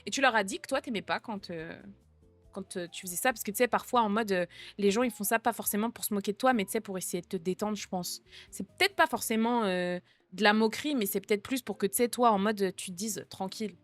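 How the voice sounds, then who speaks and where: A young woman streamer, talking in a relaxed, slangy way. She answers viewer messages and mixes reassurance with jokes. Soft music plays faintly behind her voice. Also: mid-range voice, fast, no room sound. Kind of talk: casual chat reading out viewer messages.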